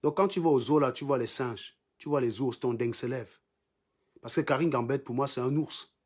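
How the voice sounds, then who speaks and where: A man with a Cameroonian French accent runs a live stream and goes after his commenters with scorn. His voice sits at a middle pitch, and he hammers his points by saying them over again in a combative, mocking tone. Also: moderate pace, a little mellow. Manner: mocking, combative, repeats lines for emphasis. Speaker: livestream host. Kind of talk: insulting live-stream rant.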